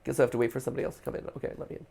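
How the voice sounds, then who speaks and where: A man's voice: medium pitch, flat delivery, rapid-fire, vocal fry, warm tone, breathy edge. A man hosting a video game stream, chatting, joking and thinking aloud as he plays. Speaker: host playing a video game. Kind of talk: casual let's-play commentary.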